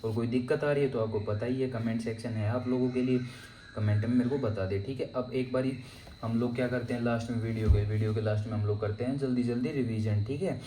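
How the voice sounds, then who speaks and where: In a casual exam-prep lesson, a man teaches vocabulary chattily, repeatedly saying "okay" and "theek hai" and inventing jokey memory tricks for each word. His mellow, mid-range voice moves quickly with fairly even intonation. The rough recording has an echoey room and slight background noise.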